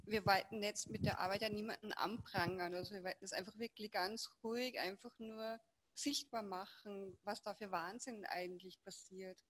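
A woman artist speaking calmly and earnestly in a panel discussion. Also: medium pitch, poor audio. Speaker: artist guest.

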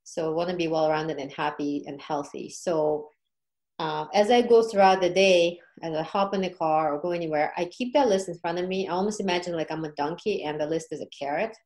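A woman with a deep, brisk, slightly mellow voice is a guest on a podcast. She tells her experience casually and informally, often pausing to check in with questions, in a relaxed conversational storytelling style.

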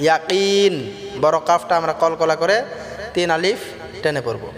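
A man teaching Quran recitation, chanting verses in a slow drawn-out melody and then explaining pronunciation plainly. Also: fairly high pitch, a bit bright, big-room sound.

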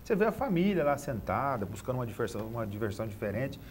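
A man's voice: medium pitch, very animated, fast, a little hiss or hum. A middle-aged Brazilian man speaking casually as an interview guest, often repeating small words as he looks for the next phrase. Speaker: rodeo announcer being interviewed. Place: TV studio, standing.

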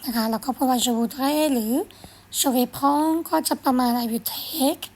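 High-voiced woman teaching French. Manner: slow, careful reading of French phrases between quick Thai explanations; gentle, encouraging, ends phrases with polite particles. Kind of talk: explaining a French lesson in Thai.

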